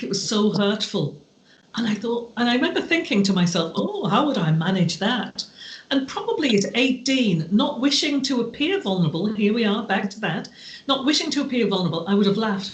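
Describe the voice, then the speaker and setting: Slow, heartfelt woman in a roomy space. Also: on the high side, expressive. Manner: slow, deliberate, heartfelt delivery. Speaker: podcast guest. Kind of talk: reflective storytelling in conversation. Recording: roomy echo.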